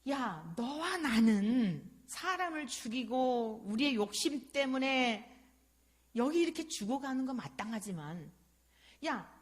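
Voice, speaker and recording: A woman preacher voicing a repentant male thief on a cross, pleading tearfully in his defense of another. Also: on the high side.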